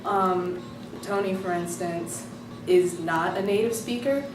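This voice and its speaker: In an interview, a young woman student reflects casually and enthusiastically on her class, using many fillers, in a medium-pitched voice at a slow pace. She's recorded from far off in an echoey room with music behind her.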